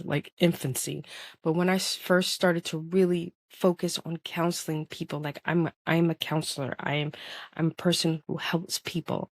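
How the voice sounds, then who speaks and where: Earnest low-voiced woman podcaster. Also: no echo. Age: adult parent. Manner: earnest, emphatic, speaks directly to listeners. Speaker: podcast host. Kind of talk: personal monologue.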